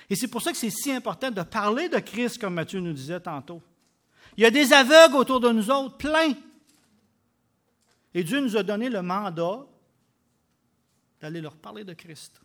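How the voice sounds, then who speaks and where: A man with a Québécois French accent preaching a sermon, emphatic, with loud bursts and quiet drops. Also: high voice. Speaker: pastor.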